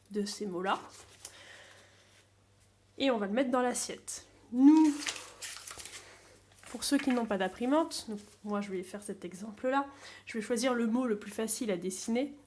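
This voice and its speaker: A woman teacher calmly explaining a sound-sorting game step by step for young children's parents. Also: on the high side, normal speed, long pauses, slight background noise. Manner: calm, simple step-by-step explaining. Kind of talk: classroom game explanation video.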